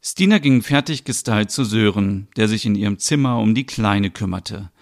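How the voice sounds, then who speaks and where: A man's voice: lowish voice, animated, moderate pace, creaky. A man, the host, narrating a one-man audio soap in a plain storytelling tone.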